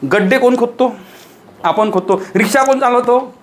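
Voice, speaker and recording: Here a teacher with a very high-pitched voice, talking at normal speed, lectures a live audience to motivate them. Rhetorical questions come thick and fast, and he repeats key points to drive them in.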